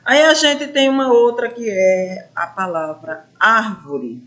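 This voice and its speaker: A woman teaching a grammar lesson, drawing out syllables slowly to show stress and asking her pupils questions. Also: fairly high pitch, a bit bright. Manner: addresses pupils as gente, asks questions. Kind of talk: classroom lesson explanation.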